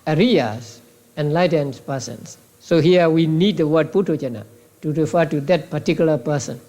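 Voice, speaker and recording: Older male monk, Burmese accent, somewhat high voice, patient halting lecturer who repeats words. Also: darkish tone. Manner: halting, repeats words, many restarts and uh's. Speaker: Buddhist monk teaching a class. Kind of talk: classroom lecture. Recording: old tape recording of a class.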